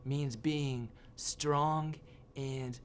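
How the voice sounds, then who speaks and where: A man giving a sermon as a youth pastor, telling a personal story with animated, self-mocking humor. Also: mid-range voice, extremely slow, smooth.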